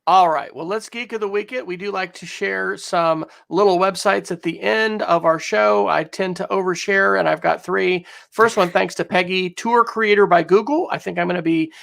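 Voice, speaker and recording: A man's voice: sits high, normal speed, vocal fry, hardly any pauses, fairly bright tone. A man co-hosting an education technology podcast, upbeat and enthusiastic as he recommends websites in casual talk. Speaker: podcast co-host. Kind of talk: casual tech chat.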